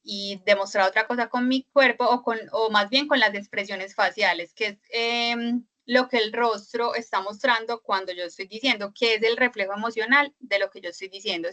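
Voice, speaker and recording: Bright-voiced woman teaching an online class. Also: on the high side, normal speed. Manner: explanatory, many fillers and "¿cierto?" checks. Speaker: instructor. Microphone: video call.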